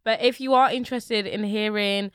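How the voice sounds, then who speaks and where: A woman's voice: medium pitch, fairly even intonation, normal speed, a bit bright. A woman with an urban London accent and lots of street slang, hosting a podcast in a casual, playful chat. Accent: London, urban multicultural slang. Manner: slangy, playful, repeats phrases for emphasis. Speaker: podcast host.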